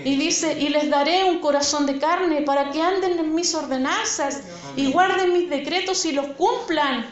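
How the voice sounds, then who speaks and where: A woman's voice: high-pitched, moderate pace. A woman preaching a sermon in a church, speaking earnestly and addressing listeners as sister. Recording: echoey church hall, dull sound, congregation.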